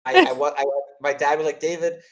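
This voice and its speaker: A man hosting a chat, telling stories casually and rambling, with many "like" fillers and restarts, and acting out quoted voices. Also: fast. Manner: rambling, heavy use of "like" and restarts; acts out quoted voices with lively pitch jumps. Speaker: host of office hours.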